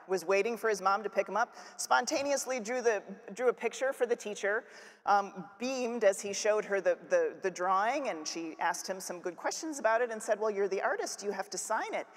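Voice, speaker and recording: A woman giving a conference keynote talk, conversational, with fillers and restarts, on a large stage. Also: mid-range voice. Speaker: keynote speaker. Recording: hall reverb.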